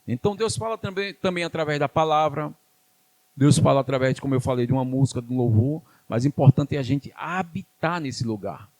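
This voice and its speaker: A man's voice: mid-range voice, fairly quick, a little mellow, no room sound. A man with a Brazilian Portuguese accent preaching a sermon in church, emphatic and repetitive, calling the congregation to answer back. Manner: emphatic call-and-response preaching, repeating phrases.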